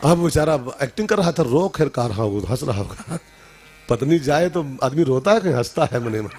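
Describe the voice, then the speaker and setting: A man telling a devotional katha, full of jokes and quick "haan?" prompts to his listeners. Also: mid-range voice, animated, darkish tone, slightly rough. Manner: folksy, jokey storytelling with frequent "haan?" prompts to the audience. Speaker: kathavachak, religious storyteller. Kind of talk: devotional katha sermon with jokes and sung verses.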